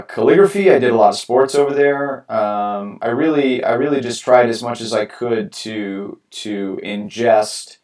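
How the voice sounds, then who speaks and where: A young man from New York talks loosely as he paints for a live stream, with lots of ums and restarts. His voice sits a bit low. He is set back from the mic in an echoey room. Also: far from the mic. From New York, USA. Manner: relaxed, rambling, many fillers and restarts. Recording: roomy sound from away from the mic.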